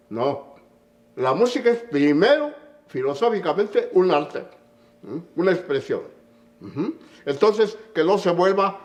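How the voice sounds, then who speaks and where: An older man with a Mexican accent, a conductor telling stories and lecturing in an emphatic way, often checking in with a short "mm?". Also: on the high side. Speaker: conductor and musician. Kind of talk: anecdotal storytelling in an interview.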